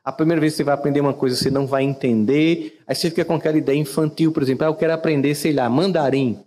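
Lively Brazilian man with hall reverb. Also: rapid-fire. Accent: Brazilian Portuguese. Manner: conversational, asks listeners questions, wide swings in pitch. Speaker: podcast host and teacher. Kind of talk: reflective motivational talk.

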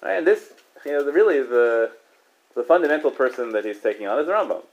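A man's voice: medium pitch, lively intonation, darkish tone. A man teaching a class on Talmud study in a loose, conversational way, often tagging "right?" onto his points. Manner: conversational, many "right?" asides, quick restarts, chuckles. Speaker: Torah teacher.

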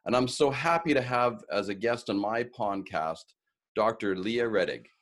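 A man's voice: on the low side, normal speed, fairly bright tone. A man hosting a podcast interview, enthusiastic and chatty with some filler words. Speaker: podcast host. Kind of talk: casual interview.

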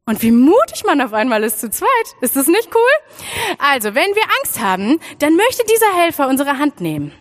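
A young woman from Freiburg giving an animated children's sermon and speaking straight to her listeners. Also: high-pitched, a little fast, few pauses. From Freiburg, Germany. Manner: animated storytelling, addresses listeners directly.

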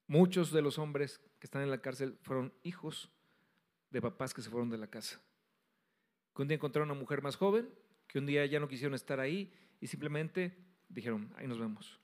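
A middle-aged man preaching a sermon as pastor, emphatic, swinging between loud stresses and soft drops. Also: medium pitch, animated, a little fast.

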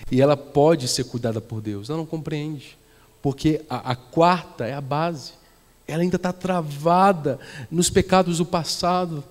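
A man's voice: on the high side, moderate pace, in a large hall. A man with a Brazilian Portuguese accent preaching a sermon, telling stories and repeating phrases for emphasis. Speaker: pastor. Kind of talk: sermon with storytelling. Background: soft guitar from the worship band.

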